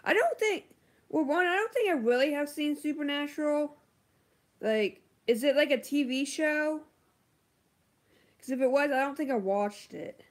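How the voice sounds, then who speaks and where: A woman's voice: sits high, animated, moderate pace, long pauses. A woman beauty vlogger chatting casually on a livestream, answering viewer comments with lots of ums and likes.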